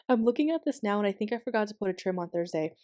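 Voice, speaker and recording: In a casual voiceover from her bedroom, a young woman hosts her planner channel, slightly hoarse after losing her voice and chatting in a rambling way full of ums and likes. Her pitch is medium, her delivery animated at a moderate pace, her tone a little mellow, with no echo.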